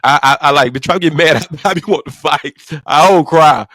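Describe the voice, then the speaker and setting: A man's voice: a little high, brisk, fairly bright tone, no room sound. A man speaking as a vlogger, telling a personal story with emotion, near tears at times. He talks frankly and with profanity, stumbling and repeating words as he goes.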